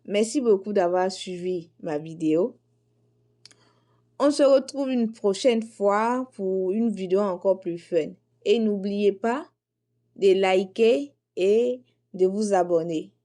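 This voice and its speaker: A young woman teaching a beginner French lesson, saying each phrase slowly and repeating it for learners. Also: mid-range voice, dark tone.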